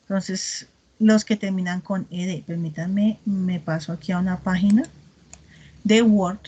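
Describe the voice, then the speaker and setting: A woman teaching an English class over a video call, explaining patiently and modeling English words slowly. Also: mid-range voice, fairly even intonation, dark tone, dull audio.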